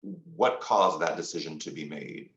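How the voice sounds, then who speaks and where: A man with a very low, deep voice hosts an interview, framing his questions in a measured, affirming way. The recording sounds roomy and slightly dull. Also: background noise. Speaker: podcast host.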